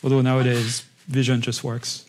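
A man's voice: mid-range voice, flat delivery, moderate pace, slight background noise, low-quality recording. A man lecturing a university class, explaining patiently in a conversational way and often checking in with his listeners. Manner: conversational, with frequent restarts.

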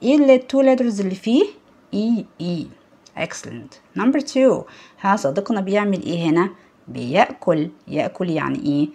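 A woman's voice: mid-range voice, expressive, moderate pace, creaky, mellow, breathy edge. A woman with an Egyptian Arabic accent teaching English to young pupils in a recorded lesson, quizzing them and praising their answers. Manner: asks the children questions and praises them. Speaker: primary school English teacher.

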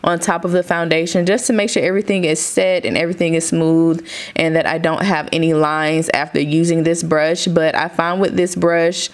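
Smooth-voiced woman chatting through a makeup tutorial. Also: low voice. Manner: relaxed, chatty step-by-step explaining. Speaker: beauty vlogger.

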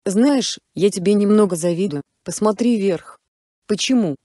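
Bossy, blunt teen sister voiced by a woman reading a fan story; mellow tone, dry sound. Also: medium pitch, normal speed, no room sound, lightly acted. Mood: teasing. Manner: blunt and commanding. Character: bossy sharp-tongued younger sister, teenage girl.

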